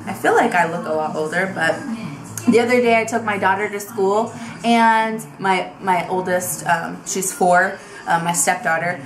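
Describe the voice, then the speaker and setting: A woman's voice: mid-range voice, reverberant. A woman in her twenties chatting casually to camera in a tag video, talking animatedly with lots of fillers, in a small bedroom. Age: 20s. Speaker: beauty vlogger. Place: small bedroom with vanity, indoors.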